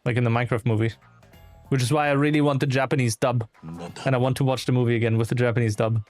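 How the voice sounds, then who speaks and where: A man's voice: mid-range voice, steady tone, fast, darkish tone, soft background music. A man giving casual livestream commentary as he plays, rambling along with muttered asides. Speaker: game streamer.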